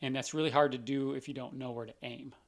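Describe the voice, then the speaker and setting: A male doctor with a scratchy, mid-range voice hosts a live Q&A stream, explaining things loosely and conversationally with plenty of everyday examples. His delivery is flat and fast, with vocal fry.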